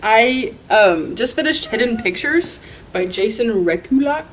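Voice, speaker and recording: A woman's voice: fairly high pitch, lively intonation, unhurried, slight background noise, low-quality recording. A woman librarian co-hosting a casual book chat, rambling and chatty with lots of "like". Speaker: librarian and podcast co-host.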